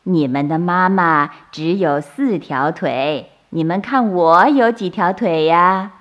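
A woman's voice: on the low side, takes it slowly, highs cut off. A woman doing a teasing mother crab. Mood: amused.

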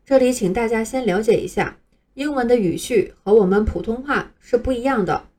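A woman gives a scripted beginner lesson on English sounds. Her voice is mellow and dark rather than bright, and she speaks patiently. She spells each new word letter by letter before saying it slowly. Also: fairly high pitch. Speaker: English teacher.

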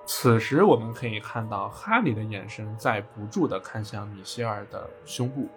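A man's voice: lowish voice, animated, normal speed, faint music behind. A man casually retelling a video game story for a podcast, with jokey asides.

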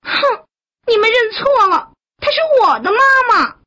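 Woman doing a huffy, boastful storybook turtle kid, squeaky. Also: very animated, normal speed, bright, forceful tone, full character voice. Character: cocky little turtle child.

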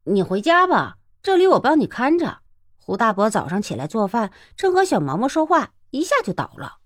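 A woman's voice: a little high, very animated, normal speed, dry recording, studio quality. Woman doing a fretful humble young man. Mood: urgent. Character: eager, timid young male neighbor.

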